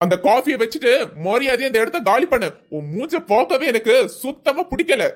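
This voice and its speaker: A harsh, cold husband in a cartoon, voiced by a woman, scolding his wife with open scorn. The voice sits fairly high. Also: lively intonation, a little fast. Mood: scornful. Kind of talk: cartoon voice acting.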